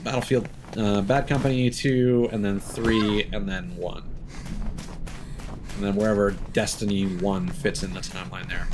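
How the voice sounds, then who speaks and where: Over game music, a man in his thirties livestreams a video game and chats in a blunt, opinionated, casual way, swearing as he goes. His voice is fairly low with fairly even intonation at normal speed, and the recording carries a little hiss or hum.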